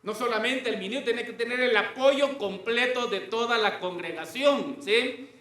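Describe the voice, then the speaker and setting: A man's voice: very high voice, moderate pace, bright, forceful tone, roomy sound. A man preaching a sermon to a congregation, often stopping to ask them questions.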